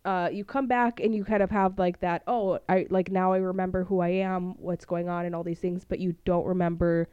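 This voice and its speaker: Casual female co-host, filler-heavy chatter, smooth voice, dry close sound. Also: fairly low pitch, fairly even intonation, a little fast, few pauses, dry recording, lo-fi sound. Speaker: podcast co-host quizzing others. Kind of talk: casual chat.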